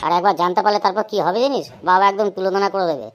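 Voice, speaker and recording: Woman voicing fast-talking cartoon boy Bitkel. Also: medium pitch, background noise, lightly acted. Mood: worried. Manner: fast, chattering, nervous then cocky. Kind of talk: cartoon comedy voice acting.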